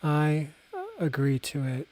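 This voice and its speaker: A man's voice: fairly high pitch, little pitch movement, takes it slowly, darkish tone. A man voicing a young female spear warrior, scared but proud, speaking earnestly and with restraint.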